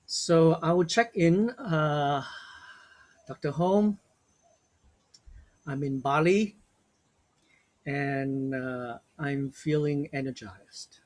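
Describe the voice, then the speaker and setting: Older guy from vietnam, running a video call workshop, slightly high voice, slow and gentle. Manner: slow, gentle, reflective, with small restarts. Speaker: workshop facilitator. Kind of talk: guided webinar talk.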